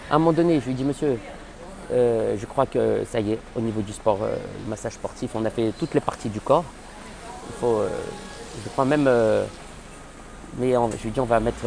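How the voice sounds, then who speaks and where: A man telling a funny personal story in an animated, exaggerated way, with many restarts. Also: fairly high pitch, a little hiss or hum, low-quality recording. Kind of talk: comic storytelling monologue.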